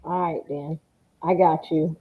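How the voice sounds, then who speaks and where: A woman's voice: deep voice, fairly even intonation, a little slow. A woman co-hosting a casual radio talk show, her voice muffled as if she is speaking down a tube. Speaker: co-host. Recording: muffled lo-fi mic.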